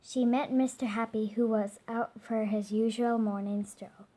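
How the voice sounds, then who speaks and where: A woman reading a children's picture book aloud, gently, now and then stumbling over hard words. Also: fairly high pitch, fairly even intonation, measured pace. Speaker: storyteller.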